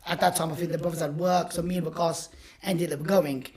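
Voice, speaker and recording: A man, an aid worker telling stories in an interview, animated and heartfelt. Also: a little high, brisk. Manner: animated, heartfelt, repeats himself. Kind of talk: emotional storytelling.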